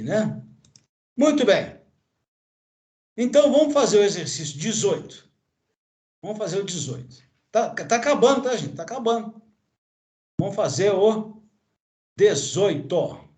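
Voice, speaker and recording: The voice sits high and sounds a little mellow: a Brazilian man of sixty or older teaching chemistry. Pointing at a graph, he tacks questions to his class onto nearly every phrase and fills the gaps with fillers, all captured in an echoey room.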